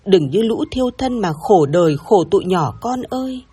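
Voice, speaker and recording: A woman's voice: mid-range voice, expressive, moderate pace, warm tone, breathy edge. A woman voicing a suspicious, worried grandmother in her old age, who mutters and frets, in a narrated audio story. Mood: anguished. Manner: fretful, muttering.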